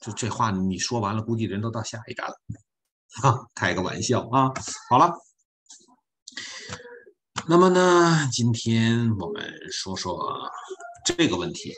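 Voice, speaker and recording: Folksy low-voiced teacher. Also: male voice, animated, measured pace, pauses often, fairly bright tone, slight background noise. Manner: folksy, joking, repetitive. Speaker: French teacher. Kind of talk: online language class.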